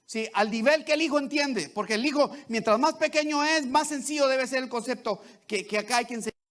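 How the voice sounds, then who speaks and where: A man with a very high-pitched voice preaching a sermon. He speaks in a conversational way, with frequent restarts, and keeps checking in with the congregation through short tag questions. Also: fairly quick, a bit bright. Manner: repeats "¿verdad?" and "¿sí?" to the congregation, with many restarts.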